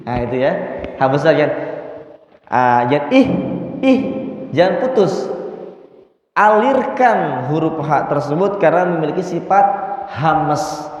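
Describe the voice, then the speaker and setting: Patient recitation teacher, a man with a high voice who drills sounds slowly, heard with a reverberant hall. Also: expressive. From Indonesia. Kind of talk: Quran recitation lesson.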